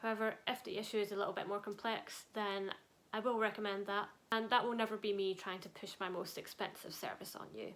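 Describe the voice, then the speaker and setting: A young Scottish woman with a Glasgow accent, talking in a mid-range voice. She introduces her work in an upbeat, clear, informative way, dropping in dry little jokes at her own expense. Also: medium pitch, little pitch movement, a little fast, a bit bright. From Scotland. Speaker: equine behaviourist, channel host. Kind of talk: scripted channel introduction.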